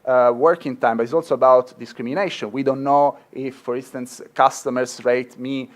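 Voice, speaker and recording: A middle-aged Italian law professor with a marked Italian accent gives an earnest conference talk. His voice is mid-range with a steady tone and moderate pace, and he uses frequent fillers and restarts.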